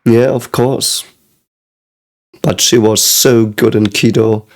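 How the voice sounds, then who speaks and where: A German man casually reacts to an anime, rambling and hesitant, with lots of fillers and frequent swearing. His voice is lowish and steady, and he takes things slowly.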